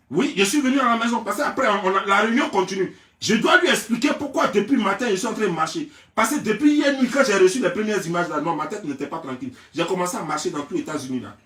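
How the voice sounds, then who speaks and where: A young man from Côte d'Ivoire with an Ivorian French accent, ranting in a theatrical, mocking gossip vlog and often raising his voice to a shout. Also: high voice. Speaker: gossip vlogger. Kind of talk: mocking gossip rant to camera. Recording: roomy, mic at a distance.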